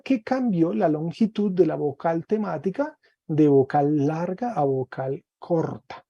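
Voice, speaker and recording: A man's voice: on the high side, gravelly, warm tone, breathy edge, dry recording, dull audio. A man teaching a Greek class online, patiently drilling word forms and encouraging his students.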